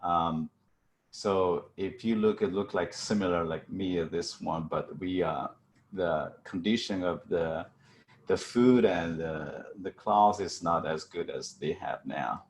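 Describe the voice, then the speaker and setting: A middle-aged man from China with a Chinese accent, giving a halting seminar talk over a video call with many fillers and restarts. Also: deep voice, a little mellow, slight background noise. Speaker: guest speaker.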